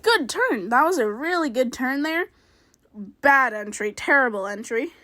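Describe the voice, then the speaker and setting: A woman's voice: high-pitched, animated, unhurried, sharp tone, no echo. A woman giving casual play-by-play commentary on her own racing game, rambling and self-critical, with many fillers. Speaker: gaming video creator.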